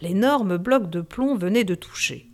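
A woman narrating a novel in a measured, expressive reading. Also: medium pitch. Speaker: audiobook narrator.

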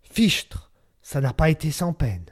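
A man voicing an old woman neighbor who is brisk and bossy, talking in a hushed, urging way. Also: fairly high pitch, big pitch swings, breathy edge, heavily acted. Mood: gruff relief.

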